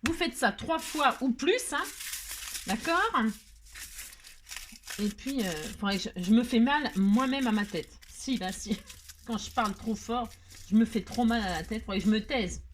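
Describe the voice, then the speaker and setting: A woman talks through a craft tutorial in easy, rambling chat, joking at her own expense. Her voice sits a little high. A faint hiss of noise runs under the close-miked recording. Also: lively intonation, measured pace. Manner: chatty, self-mocking, rambling with laughs and asides.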